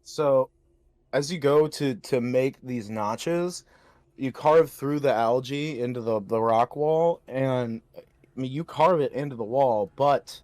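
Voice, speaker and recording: Slow, measured man running the game. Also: mid-range voice, a little mellow, dry recording. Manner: slow, measured, dry sarcastic asides. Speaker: game master. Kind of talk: narrating a tabletop game.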